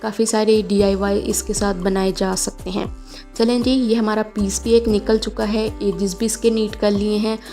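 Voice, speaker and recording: A woman's voice: mid-range voice, little pitch movement, moderate pace, mellow. Chatty woman explaining a home craft. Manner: chatty, homely, with frequent fillers. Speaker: DIY craft vlogger. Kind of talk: casual step-by-step craft tutorial. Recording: home video with faint background music.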